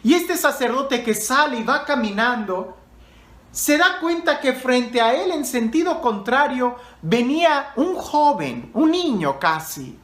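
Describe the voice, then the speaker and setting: A man's voice: very high voice, big pitch swings, a little slow, a bit bright. Male priest telling a story in an echoey room. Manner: conversational, addresses the listener directly. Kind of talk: sermon storytelling.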